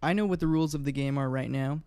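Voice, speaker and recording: A man's voice: mid-range voice, fast talker, warm tone. A male guest chatting casually in a laid-back, matter-of-fact, sometimes sweary way. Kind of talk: casual chat. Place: studio.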